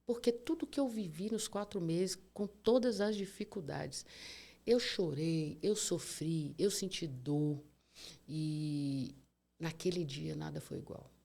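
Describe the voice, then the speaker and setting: A woman, telling her own hard story as a podcast guest, animated and vivid, acting out what people said. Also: low voice, slow, creaky. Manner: vivid, animated retelling with acted-out dialogue and sound words. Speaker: guest, cancer survivor. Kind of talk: emotional storytelling in a podcast interview.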